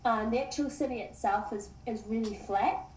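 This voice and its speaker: A woman's voice: a little high, moderate pace, a little mellow, echoey room, slight background noise, low-quality recording. A woman from New Zealand with a New Zealand accent, a podcast guest chatting casually in a friendly, rambling way. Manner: friendly, rambling, laughs easily. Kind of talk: casual interview chat.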